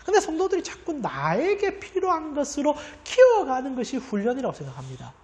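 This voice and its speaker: Woman preaching with a lively, rising voice. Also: high voice, a little fast. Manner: earnest, emphatic, often addresses the congregation directly. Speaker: pastor. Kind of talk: sermon.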